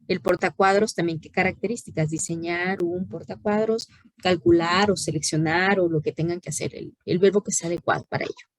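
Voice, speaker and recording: A woman's voice: on the low side, a little mellow, dry recording. A woman, a teacher giving patient, corrective feedback on a student report during an online class. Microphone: video call.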